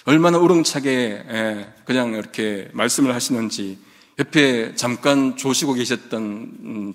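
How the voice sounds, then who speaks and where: A man's voice: medium pitch, big-room sound. A male pastor delivering a morning devotional sermon, earnest and full of rhetorical questions. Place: church.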